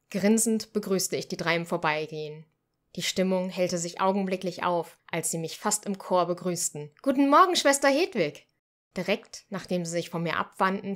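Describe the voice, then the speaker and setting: Female audiobook reader, slightly low voice, lively first-person storytelling.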